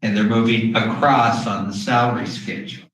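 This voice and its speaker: A man speaking through a face mask, explaining things haltingly as an official at a public meeting, with pauses and throat clearing. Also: on the low side, fairly even intonation, fairly bright tone. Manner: hesitant, with long pauses and frequent throat clearing. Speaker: school district official presenting to a board. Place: indoor meeting room. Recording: very echoey room, distant mic, faint noise.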